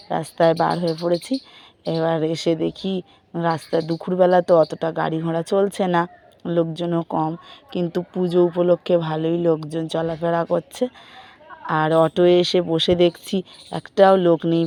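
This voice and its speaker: Woman with a sore, gravelly throat. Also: fairly low pitch, darkish tone. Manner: chatty, recounting chores and family talk. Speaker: vlogger. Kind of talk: casual daily vlog narration.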